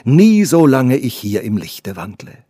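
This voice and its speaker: Male reader as ardent young artist, a bit louder and higher than his narration, husky. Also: expressive, measured pace, no room sound, studio quality, full character voice. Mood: fervent. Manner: fervent, declaiming. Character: passionate young male sculptor, devoted lover.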